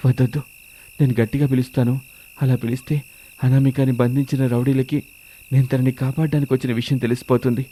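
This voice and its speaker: A man's voice: medium pitch, level tone, brisk, dark tone, a little hiss or hum, natural voice. A man voicing an anxious young husband who urgently talks to himself while searching for his wife. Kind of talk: storybook drama acting.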